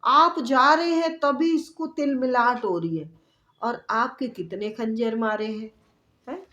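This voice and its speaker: Slow-talking woman giving a tarot reading. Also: a little high, highs cut off. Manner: warm, repetitive, chatty explaining, addresses viewer directly. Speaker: tarot reader. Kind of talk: tarot reading addressed to viewers. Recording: echoey room.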